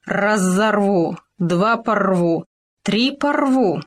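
A big, dim bear from a storybook, as a woman puts him on, dragging each word out slowly. His threats come out heavy and plodding. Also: mid-range voice, expressive. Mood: menacing.

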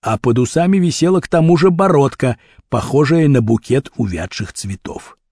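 Expressive husky male storyteller. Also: medium pitch, moderate pace, no room sound, clean studio sound. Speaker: narrator. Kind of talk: audiobook reading of a children's adventure novel.

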